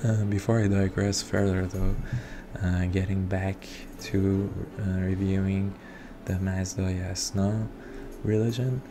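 A strategy game video reviewer whose first language is Persian gives unscripted gameplay commentary, hesitant and full of ums and uhs. His voice is deep, flat, and slow. Music plays behind him, and the background is noisy.

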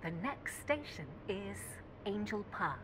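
A woman's voice: slow pace, background noise. A woman as a spliced-together train announcer. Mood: announcing. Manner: steady, formal announcing with abrupt jumps in pitch on station names. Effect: spliced-together recorded words.

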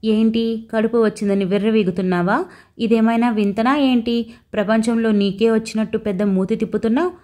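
Woman narrator as spiteful rival woman, scornful, mellow tone. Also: a little high, steady tone, brisk, natural voice. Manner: taunting, scornful.

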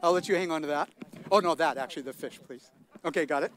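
An older commencement speaker talks fast in a fairly high, fairly bright voice, playfully quizzing the crowd from a podium mic at an outdoor stadium ceremony. A little hiss or hum sits in the recording.

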